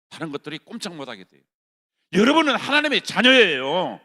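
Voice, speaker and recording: A man preaching a revival sermon as a pastor. He swings from hushed storytelling to shouted exhortation. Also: fairly high pitch. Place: prayer retreat hall.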